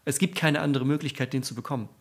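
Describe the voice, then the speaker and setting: A man's voice: mid-range voice, fast, slightly rough. A man preaching a sermon as pastor, speaking earnestly and encouragingly straight to the listener.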